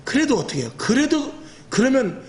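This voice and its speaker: With a very high, rough and earthy voice, a middle-aged pastor preaches a spirited evening sermon at a fairly quick pace. He plays out quoted lines and pokes fun at himself along the way.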